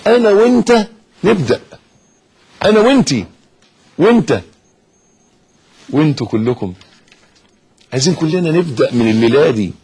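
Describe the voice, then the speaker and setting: A man with an Egyptian accent preaching an impassioned sermon, swinging from hushed to loud. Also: fairly high pitch, breathy edge. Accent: Egyptian Arabic.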